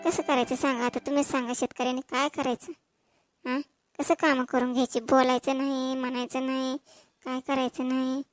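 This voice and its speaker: A woman's voice: high-pitched, flat delivery, fairly quick, no room sound, studio quality, natural voice. A woman voicing a stern village farm owner in a cartoon, lecturing and complaining. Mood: grumbling. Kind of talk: dubbed cartoon voice.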